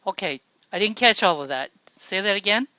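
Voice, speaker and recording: A woman's voice: mid-range voice, expressive, normal speed, pushed and bright, no room sound. A woman hosting a casual group voice chat, upbeat and encouraging as she calls on each speaker. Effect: group voice chat audio. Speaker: host of a voice-chat showcase. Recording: dull lo-fi voice chat sound.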